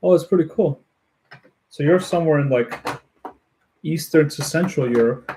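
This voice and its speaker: A man's voice: on the high side, moderate pace, background noise. A man from Ukraine hosting a casual livestream, chatting with viewers and laughing often as he builds. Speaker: livestream host. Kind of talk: casual chat with live viewers.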